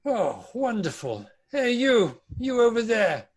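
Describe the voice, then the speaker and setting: Playing an old British miser in a table read, a man uses a full character voice pitched high for a man. He's slow and very animated, and though the delivery is anguished, repentant and pleading in a theatrical way, the mood underneath is joyful.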